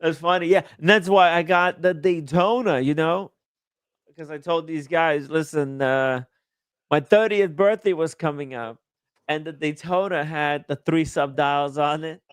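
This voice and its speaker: A man in his thirties hosting a casual livestream chat, eager and quick to react with loud exclamations. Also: fairly high pitch, clean tone, dry recording, studio quality. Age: 30s. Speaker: livestream host.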